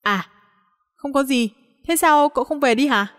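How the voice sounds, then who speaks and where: A woman's voice: high-pitched, big-room sound, voice pushed up, natural voice. Woman doing a flustered young man. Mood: evasive. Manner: nervous, hurried deflecting.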